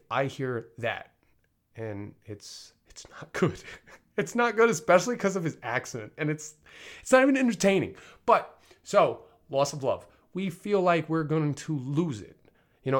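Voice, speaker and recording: Man in his thirties, casual podcast monologue, candid, rambling, lots of fillers and restarts. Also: fairly high pitch. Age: 30s. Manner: candid, rambling, frequent fillers and self-corrections. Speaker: podcast host.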